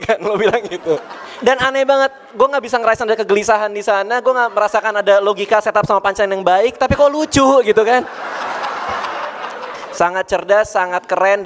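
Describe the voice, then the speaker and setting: High-voiced man judging through laughter. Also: fairly bright tone, slight background noise. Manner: laughing, breathless with praise. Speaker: comedy judge. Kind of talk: judge's feedback.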